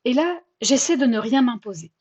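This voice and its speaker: A woman hosting a personal podcast, telling her own story in a chatty, self-mocking and expressive way. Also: fairly high pitch, moderate pace, husky. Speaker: podcast host.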